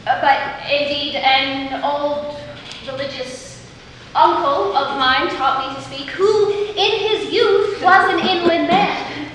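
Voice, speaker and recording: A woman's voice: sits high, slow pace, a bit bright. A woman on stage playing a witty, teasing young heroine disguised as a youth, declaiming playfully in Shakespearean style. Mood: playful, sly. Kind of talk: live Shakespeare stage acting. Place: stage performance, recorded from afar. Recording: distant, echoey stage recording with faint noise.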